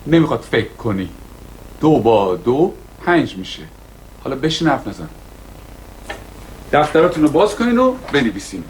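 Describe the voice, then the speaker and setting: An actor playing a stern, authoritarian male schoolteacher who shouts drills at his class. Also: mid-range voice, sing-song, pauses often, slight background noise, lightly acted, rough recording. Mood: domineering. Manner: barking orders, shouting drills. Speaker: schoolteacher in a film.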